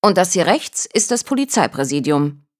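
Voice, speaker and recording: A woman's voice: fairly low pitch, big pitch swings, moderate pace. A woman reading as a breezy young daredevil. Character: daring, cheerful young man, dancer.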